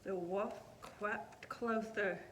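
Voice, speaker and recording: A woman hosting a children's puppet storytime, narrating with expressive, emphatic delivery. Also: mid-range voice, drawn-out words, heavy background noise.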